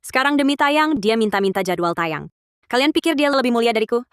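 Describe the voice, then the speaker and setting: A woman dubbing a spiteful, scheming young woman in a dubbed drama, scornful and sharp, recorded on a dry studio mic. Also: a little high, expressive, quick pace, smooth, no room sound, natural voice. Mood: defiant. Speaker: spoiled jealous sister. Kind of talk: dubbed short-drama acting.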